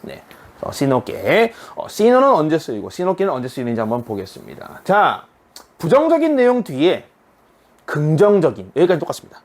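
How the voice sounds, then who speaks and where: A Korean man teaching a beginner Spanish lesson, explaining grammar step by step and reading example sentences slowly. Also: fairly high pitch, wildly swooping pitch. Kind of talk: online language lesson.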